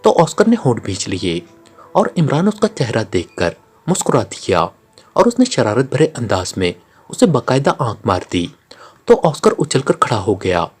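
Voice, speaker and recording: A man's voice: mid-range voice, sing-song, normal speed, husky. A man narrating a spy novel as an audiobook, reading the story and voicing each character's lines himself.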